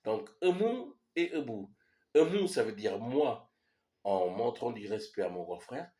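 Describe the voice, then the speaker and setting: A man's voice: lowish voice, sing-song, unhurried, warm tone. A man from New Caledonia, an Iaai speaker, patiently explaining a language lesson and often checking that his listeners follow. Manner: patient, repeats "ok?" to check understanding. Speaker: language teacher.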